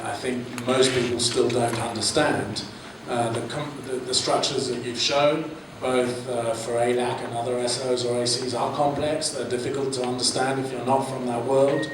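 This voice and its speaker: A man in the audience making a hesitant comment at a conference, with many fillers. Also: mid-range voice. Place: conference hall. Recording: echoey hall from far off, room noise.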